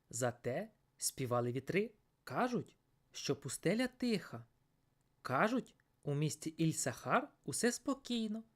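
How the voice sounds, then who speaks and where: A woman narrating a fairy tale for children in a playful, expressive way. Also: low voice. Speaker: storyteller.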